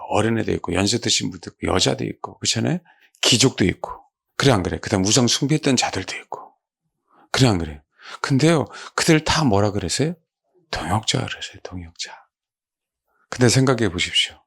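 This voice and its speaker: A man preaching a sermon as a pastor. He asks his congregation rhetorical questions and softly repeats key words. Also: lowish voice, vocal fry, husky. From South Korea. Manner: lively, exclaiming.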